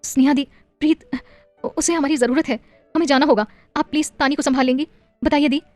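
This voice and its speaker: A woman's voice: high voice, fairly quick, dry recording, soft background music, voice pushed up, close to an everyday voice. A woman reading a story aloud, voicing an anxious young mother who pleads and panics over her child. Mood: frantic. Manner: pleading, frantic.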